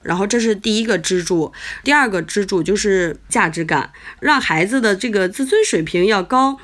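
A woman's voice: mid-range voice, expressive, normal speed, a bit bright. A woman in her thirties, a mother telling a story about raising her child in a chatty way, with many fillers and quoted dialogue. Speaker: mother sharing parenting experience. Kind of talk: casual storytelling.

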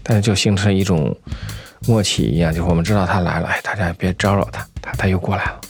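Male interviewee, low and rough-edged, halting conversational storyteller who repeats himself, unscripted. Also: faint music behind. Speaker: anti-poaching patroller, interview guest. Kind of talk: unscripted first-person storytelling.

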